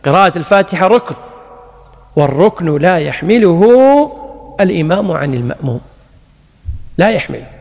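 Male religious scholar, high-pitched, patient explanatory delivery, long reverb. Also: very animated, moderate pace, gravelly, long pauses, a little mellow. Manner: explanatory, repeats key phrases, recites examples. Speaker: Islamic scholar answering questions. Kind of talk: religious Q&A lecture.

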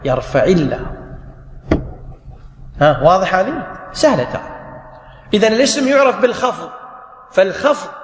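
A man's voice: high voice, very animated, brisk, pauses often, slight background noise. A man teaching grammar in a class, explaining step by step, repeating key points and answering his own questions. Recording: echoey hall.

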